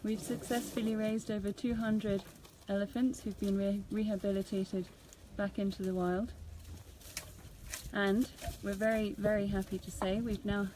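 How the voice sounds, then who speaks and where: A woman's voice: medium pitch, little pitch movement, normal speed, warm tone, low-quality recording. A woman giving casual live commentary outdoors as host, chatty and affectionate toward animals. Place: outdoors at an elephant nursery. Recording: outdoor ambience, clear background noise.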